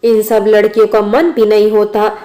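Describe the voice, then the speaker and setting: A gruff, hard-nosed middle-aged brothel madam, read by a woman narrator scolds her girls in a flat, level tone that rarely rises or falls. It is spoken as a storybook reading. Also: mid-range voice, normal speed, close to an everyday voice. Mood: scolding. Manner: scolding, harsh.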